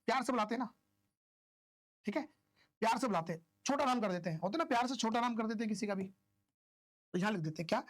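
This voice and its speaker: A woman teaching an online chemistry class, chatty and informal, who keeps asking questions and answering them herself. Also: a little high. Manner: chatty, asks and answers own questions, homely analogies.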